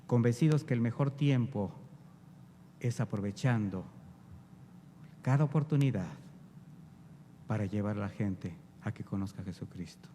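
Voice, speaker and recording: A man preaching a sermon, swinging between loud exhortation and hushed appeals to his congregation. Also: fairly low pitch, normal speed, long pauses, a little hiss or hum. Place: church hall. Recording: long reverb of a church hall.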